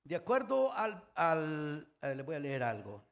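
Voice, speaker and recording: A man preaching a sermon in short phrases, waiting for an interpreter, drawing some words out slowly for emphasis and dropping to a hush at times. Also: on the high side, wildly swooping pitch. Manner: stretches words slowly for emphasis, swings from loud to hushed. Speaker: pastor.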